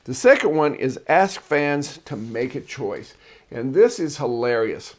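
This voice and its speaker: Male host of a marketing show with a mid-pitched voice, chatty and digressive, casual solo talk with personal anecdotes. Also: big pitch swings, measured pace.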